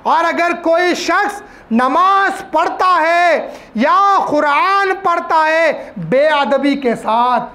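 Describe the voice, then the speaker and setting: A man delivers a religious lecture in a very high, bright, forceful voice. He hammers his points home by repeating phrases and firing off rhetorical questions. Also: animated, very slow. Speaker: religious speaker.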